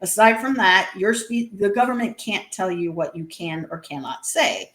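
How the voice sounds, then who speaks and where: A woman's voice: mid-range voice, normal speed, a bit bright. Earnest woman guest in an echoey room. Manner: earnest, many fillers and restarts. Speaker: guest author. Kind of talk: interview conversation.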